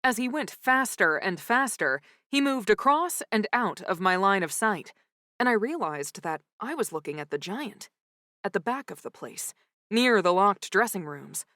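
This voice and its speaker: A woman narrates a comic mystery audiobook in the first person, telling the story in a lively, wry way. Her medium-pitched voice moves at a measured pace, recorded close to the mic with no echo.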